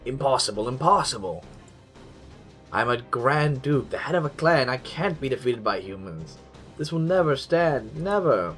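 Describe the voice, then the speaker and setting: A man's voice: mid-range voice, expressive, normal speed, fairly bright tone, soft background music, voice pushed up, natural voice. A man voicing a proud, dying male grand duke who heads a clan and refuses to accept defeat, with an indignant, pleading delivery. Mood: defiant.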